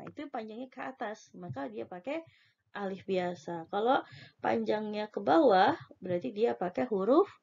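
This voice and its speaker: A woman with an Indonesian accent teaching a spelling lesson, slowly dictating and drawing out example words syllable by syllable. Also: on the high side, vocal fry, muffled recording.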